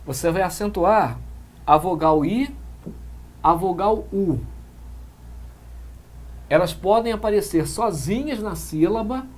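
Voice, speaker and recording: A man's voice: sits high, lively intonation, takes it slowly, pauses often. A man with a Brazilian Portuguese accent teaching grammar in an exam-prep lecture, explaining step by step and often checking in with short tag questions.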